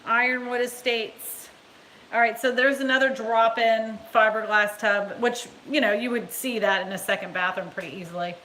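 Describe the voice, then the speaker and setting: A woman's voice: on the high side, steady tone, normal speed, sharp tone, in a large hall, a little hiss or hum, poor audio. A woman from Massachusetts, a real estate agent, giving a casual, blunt and chatty live-streamed tour inside an empty new house. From Massachusetts, USA. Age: adult.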